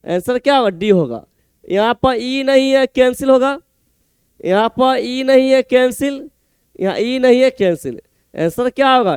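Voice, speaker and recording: Teacher, male, very high voice, dry close sound; drills spellings letter by letter. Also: smooth, no room sound. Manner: slow, spells words letter by letter and repeats answers. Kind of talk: exam-prep spelling lesson.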